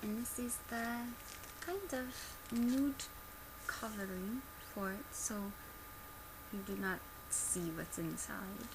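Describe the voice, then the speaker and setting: This soft-spoken ASMR product demo comes from a woman in her twenties, an ASMR creator posing as a customer service presenter. Her mid-range voice stays quiet and gentle as she instructs at a slow pace. The noisy amateur webcam recording was made at home in a small indoor bedroom, and background noise is clearly audible.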